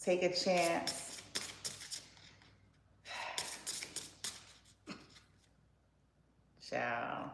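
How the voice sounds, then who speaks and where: A woman's voice: fairly low pitch, drawn-out words, vocal fry, long pauses. A woman giving a casual tarot reading in a blunt, profane, sassy way. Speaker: tarot card reader. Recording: roomy echo with faint background noise.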